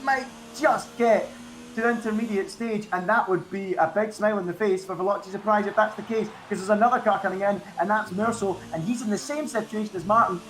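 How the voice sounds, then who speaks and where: A man's voice: high voice, brisk, fairly bright tone, a little hiss or hum. Chatty male race analyst. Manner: chatty analytical, rhetorical questions. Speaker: co-commentator. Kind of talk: live esports race analysis.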